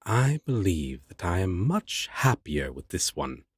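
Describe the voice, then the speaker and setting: A male audio roleplay voice actor chats casually off script between takes, muttering, trailing off and swearing freely. His low voice is very animated yet measured in pace. The studio-quality recording has no echo but a clearly noisy background of passing vehicles.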